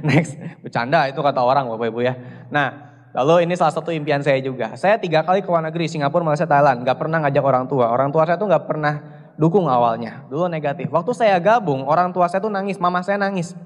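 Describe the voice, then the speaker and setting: A young man speaks quickly in a fairly high voice, spinning jokey stories and firing questions at the crowd. His talk comes across as a motivational seminar, and a long reverb trails behind every phrase. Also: highs cut off. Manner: jokey storytelling, keeps quizzing the audience.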